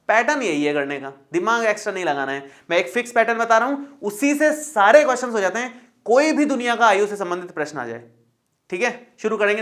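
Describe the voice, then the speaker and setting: This male math teacher has a high, somewhat bright voice. He walks through a lesson step by step, chatty and reassuring, often repeating points and checking in with the viewer.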